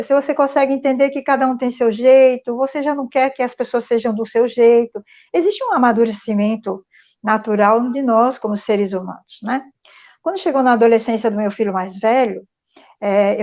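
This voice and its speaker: A woman's voice: on the high side, darkish tone. Earnest middle-aged woman on a muffled call. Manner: earnest, reflective, frequent tag questions. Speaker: speaker sharing a testimony. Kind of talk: personal storytelling in an online meeting. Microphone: video call. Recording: muffled lo-fi video call audio.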